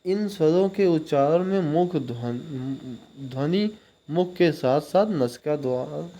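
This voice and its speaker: A man's voice: fairly high pitch, animated, slow, mellow. A man teaching exam-prep grammar, explaining step by step and checking in often with his listeners.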